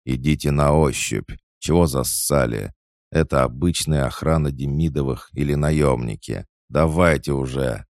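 A man voicing a cruel, threatening male bandit boss in an audiobook, menacing and shouting orders. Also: extremely low pitch, unhurried, no room sound, studio quality, pitched above the performer's own voice. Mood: barking orders.

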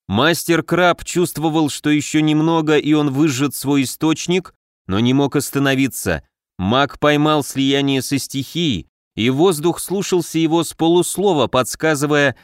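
A man's voice: on the high side, dry recording. A man reading a fantasy novel aloud as an audiobook narrator, close to the mic.

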